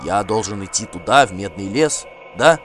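A man reading an audiobook voices a stern king who presses his questions urgently and forcefully. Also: on the low side, sing-song, moderate pace, faint music behind.

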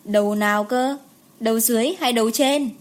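A woman voicing a calm, teasing young male doctor in an audiobook, speaking in an unhurried way. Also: sits high, lightly acted.

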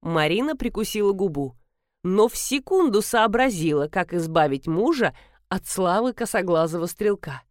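A woman narrating an audiobook with a lively, expressive reading. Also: mid-range voice, normal speed, dry recording, studio quality. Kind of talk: audiobook narration with character voices.

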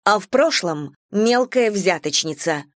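Женщина в роли сдержанной молодой женщины, сухой, отрывистый тон, в аудиокниге. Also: female voice, mid-range voice, lively intonation, measured pace, no room sound, lightly acted. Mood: curt. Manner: dry, clipped. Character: dry restrained young woman Valya.

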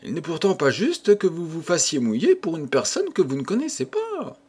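A man reading an audiobook who voices a coy young working girl with a playful, gently mocking manner. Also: a little high, wildly swooping pitch, normal speed, husky, pitched above the performer's own voice, heavily acted. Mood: coy teasing.

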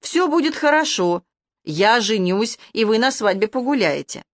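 A woman's voice: on the high side, very animated, normal speed, no room sound, studio quality, pitched above the performer's own voice. A woman voicing a bold, confident young male werewolf. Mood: defiant. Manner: confident, defiant.

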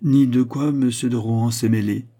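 A man's voice: medium pitch, steady tone, moderate pace, mellow, voice pushed up, lightly acted. A man reading an audiobook, voicing a scheming noblewoman who answers with feigned humility. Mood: feigned meekness. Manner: guarded, falsely meek.

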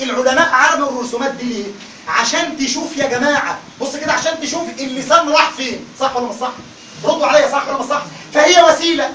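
A man with an Egyptian Arabic accent teaching Quran recitation in a classroom lecture, animated and calling on the class to answer. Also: extremely high pitch, roomy sound, distant mic, slight background noise, poor audio.

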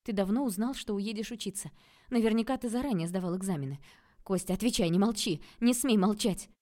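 A woman's voice: mid-range voice, brisk, dark tone, natural voice. Desperate, tearful young woman, strained and pressing, read by a woman narrator.

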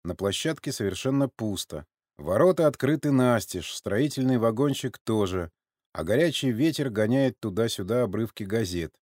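Man narrating an audiobook, lively pitch. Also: normal speed, no echo, studio quality.

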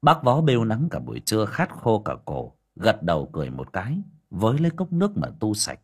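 Husky, low-voiced male storyteller. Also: brisk. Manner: expressive, dramatic storytelling. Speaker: audio story narrator, livestream host. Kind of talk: storytelling narration.

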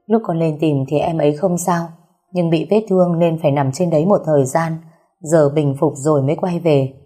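A woman voicing a calm, reserved young man who speaks evenly. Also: sits low, normal speed, faint music behind. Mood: explaining. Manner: calm and even.

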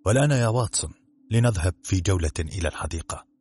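A man voicing a calm, sharp-witted detective in a storybook reading, speaking with quiet amusement and a husky voice. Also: deep voice, rapid-fire, no echo.

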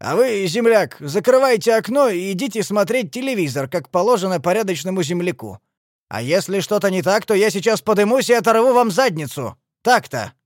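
A man's voice: on the high side, huge pitch swings, slow, no room sound, clean studio sound, full character voice. A man voicing a mock-polite, threatening vigilante leader in a storybook reading. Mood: menacing. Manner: loud, sneering, threatening.

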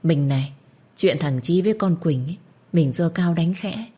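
A woman voicing a scheming, sharp-tongued older concubine wife in a spoken story. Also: low voice, moderate pace, husky. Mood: coaxing. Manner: scolding, sly.

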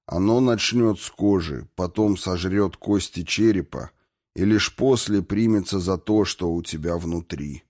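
Audiobook: male reader as a brutal warrior, low, quiet, menacing. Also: unhurried. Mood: grim threatening. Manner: menacing, speaks through gritted teeth. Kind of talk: audiobook character voice.

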